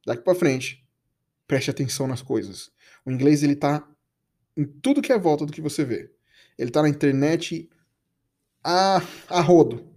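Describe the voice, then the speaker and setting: A man's voice: a little high, expressive, normal speed, pauses often, warm tone. A man from Brazil teaching English in a casual, chatty podcast lesson, coaxing listeners with slangy asides.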